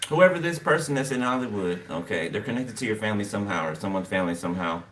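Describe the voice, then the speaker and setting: A man's voice: fairly low pitch, animated, quick pace, fairly bright tone. A man giving a casual tarot reading, rambling and repeating "okay" and "you know" as he talks to his viewers. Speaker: tarot card reader. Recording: distant mic with background noise. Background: birds chirping.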